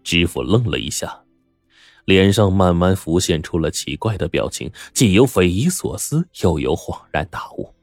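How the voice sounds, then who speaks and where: A man storyteller narrating a scripted story in a measured, dramatic way. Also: low voice, lively intonation, creaky, no echo, soft background music.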